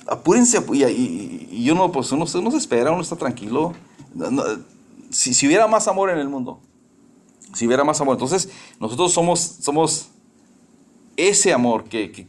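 A man in his fifties preaching a sermon in a conversational way, asking the congregation questions and dropping in English phrases. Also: fairly high pitch. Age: 50s. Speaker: pastor.

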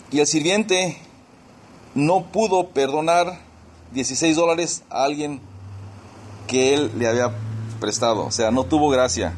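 Slightly high-voiced man preaching a sermon. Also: a little hiss or hum. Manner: explains scripture verse by verse, repeating key words to stress them; addresses listeners directly as brothers and sisters. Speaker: pastor.

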